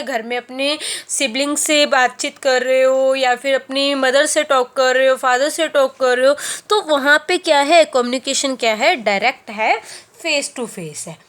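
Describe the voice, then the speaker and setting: High-voiced woman teaching a lesson. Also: a bit bright. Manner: explains by asking and answering her own questions; mixes in English terms, slows down on key phrases. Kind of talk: classroom lecture.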